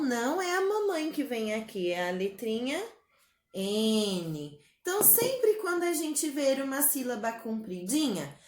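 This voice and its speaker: A woman with a Brazilian Portuguese accent teaches a spelling rule to small children. She speaks very slowly, in a rather high, sing-song voice full of little diminutives. Her voice rings in an echoey room. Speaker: primary school teacher.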